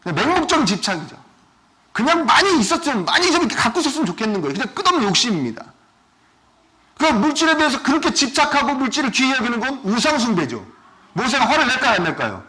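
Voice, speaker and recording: A male pastor giving a sermon, asking his congregation questions and swinging between loud and soft. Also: extremely high pitch, sing-song, quick pace. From South Korea. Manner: asks the congregation questions often.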